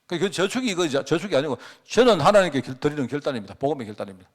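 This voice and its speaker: A man's voice: fairly high pitch, expressive, rapid-fire. A middle-aged male pastor preaching a sermon, telling a personal story and throwing rhetorical questions at the congregation. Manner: personal storytelling with emphatic swells and drops.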